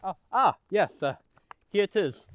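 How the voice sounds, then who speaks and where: A man playing a self-satisfied, easily needled gentleman collector in an amateur period drama. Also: high-pitched, animated, a little slow, no room sound. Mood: modestly smug.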